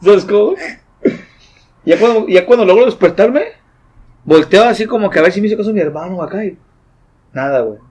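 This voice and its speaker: A young man with a Mexican accent, chatting casually in a slangy, animated way and laughing often. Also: high voice, fast, breathy edge. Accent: Mexican Spanish. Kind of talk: casual chat.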